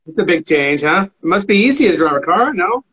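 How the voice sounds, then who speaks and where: A man's voice: sits high, big pitch swings, a little fast, a crowd in the background. A man in his forties hosting a casual live chat from home on his phone, easygoing and full of questions. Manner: chatty, easygoing, asks lots of questions. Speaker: host of an online live chat. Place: home room, indoors. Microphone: phone at arm's length.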